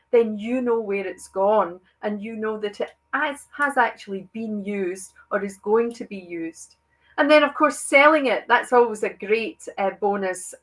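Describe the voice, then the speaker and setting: A woman's voice: fairly high pitch, fairly bright tone, poor audio. A woman researcher presenting at a conference and chairing the session, speaking earnestly with emphatic stresses and frequent fillers. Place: online conference.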